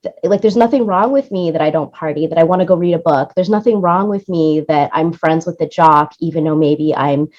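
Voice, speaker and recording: Her voice low-pitched and darkish, this woman talks fairly quickly on a muffled recording. She's an interview guest working as a music supervisor and producer, chatting explanatorily and checking in with the listener by tacking "right?" onto her points.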